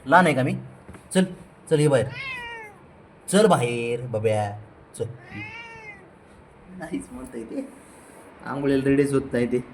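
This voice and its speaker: घरी फोनवर व्हिडिओ करत मांजराला आंघोळीसाठी लाडाने, चिडवत वारंवार हाका मारणारा, मराठी लहेजा असलेला पुरुष. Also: male voice, medium pitch, unhurried, pauses often, a little hiss or hum. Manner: coaxing, teasing, repeats calls. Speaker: cat owner filming his pets. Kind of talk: casual home video, coaxing a pet. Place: indoors at home.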